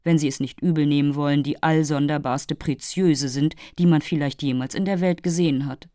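A flighty young prince, flippant and quick to lose patience, read by a woman. The voice stays low and close to the narrator's own, recorded dry. He teases and pleads by turns. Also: fairly even intonation, dark tone, dry recording, natural voice. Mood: mocking.

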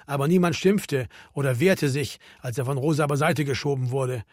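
A man reading a novel aloud in measured narration, lifting his voice for quoted speech. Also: mid-range voice, a little mellow, no room sound, clean studio sound. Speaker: reader.

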